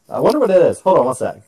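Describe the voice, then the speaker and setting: A man's voice: on the high side, vocal fry, warm tone, husky. A man co-hosting a casual chat over a video call, his voice heavily echoing so his phrases repeat back, sounding eager as he starts to share a story. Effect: heavy echo on his call audio, phrases repeating back. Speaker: podcast co-host. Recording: distant echoing call line.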